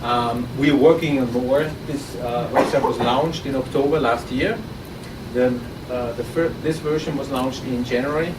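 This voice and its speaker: An Austrian German accent marks this man's live startup pitch, delivered at a moderate pace in a casual style full of restarts and repeated words. He's heard from a distance in a roomy, echoing conference room at an innovation event. Constant air hiss and room noise sit beneath his voice in the noisy recording.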